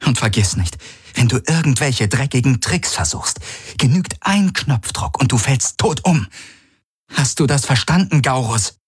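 A man's voice: mid-range voice, animated, a little slow, fairly bright tone, breathy edge, no room sound, studio quality, voice pushed up, heavily acted. A man voicing a tough young woman fighter who barks hard, impatient commands. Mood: harsh.

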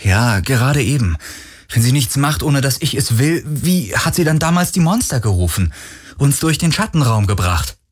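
A man's voice: expressive, normal speed, husky. A man voicing a grieving but determined young hero in a German audiobook, speaking earnestly and with feeling. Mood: agitated. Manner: earnest and emotional, rising pitch.

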